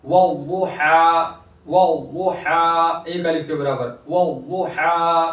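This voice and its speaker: Man teaching Quran reading, echoey. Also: fairly high pitch. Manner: recites each word twice slowly, then explains rules rapidly. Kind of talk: slow recitation lesson. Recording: echoey room, voice from far off.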